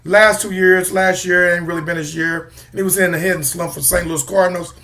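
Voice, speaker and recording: Bright-voiced man trash-talking sports. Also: high voice, fairly quick. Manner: animated, teasing, trash-talking rival teams. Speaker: podcast co-host. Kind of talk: casual sports chat.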